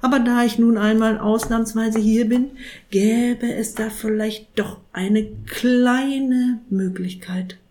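A gentle, dreamy old saint speaks slowly and solemnly, pondering each word, as a woman puts him on. His tone is kindly and unworldly in this storybook reading. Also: fairly high pitch, steady tone.

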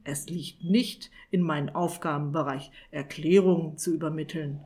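A woman's voice: deep voice, steady tone, moderate pace, a little mellow, natural voice. A woman voicing a coldly polite male emissary of the devil, speaking in a clipped, half-whispered tone. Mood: icy polite. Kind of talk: audiobook character voice.

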